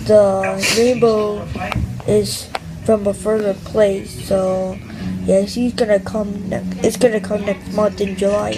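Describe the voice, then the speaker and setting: A tired young girl of about ten with hiccups, talking haltingly in a casual vlog. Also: mid-range voice, flat delivery, over music, low-quality recording. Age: child, about 10. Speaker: gamer vlogger.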